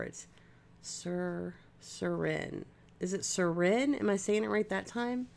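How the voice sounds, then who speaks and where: Woman, crafting livestream, casual rambling chat, slow-paced, vocal fry. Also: medium pitch, slight background noise. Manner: rambling, chatty, many fillers, talks to viewers.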